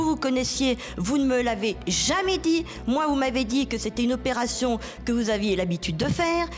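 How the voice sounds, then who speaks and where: A woman giving confrontational personal testimony as an aggrieved patient, insistent and accusing in manner. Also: high-pitched. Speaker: patient telling her grievance.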